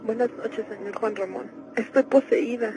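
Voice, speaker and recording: A woman's voice: on the high side, steady tone, moderate pace, over music, lightly acted, rough recording. A woman playing a frightened teenage girl who calls a radio show, possessed by a demon. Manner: pleading, panicky, breaks into screams. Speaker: caller. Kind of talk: dramatized radio call.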